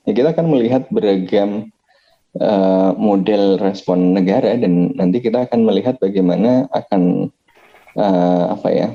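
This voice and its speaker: A man with an Indonesian accent and a deep, very mellow voice talks through his ideas in a relaxed podcast chat. He hesitates often, filling gaps as he reasons aloud. The recording sounds dull and lo-fi. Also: creaky. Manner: thoughtful, many hesitations. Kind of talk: casual discussion.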